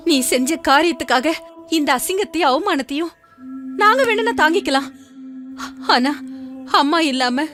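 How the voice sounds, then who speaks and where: An angry mother who scolds her son in a very high, bright, sharp voice. Her pitch swings wide as she pushes toward tears. Faint film music runs behind her. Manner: scolding, bitter, near tears.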